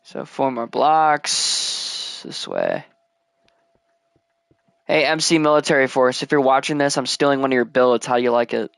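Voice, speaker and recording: Casual gamer guy, gravelly and slow, lively pitch, rambling let's-play commentary. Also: dry recording, studio quality. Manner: rambling, mumbles counts while building.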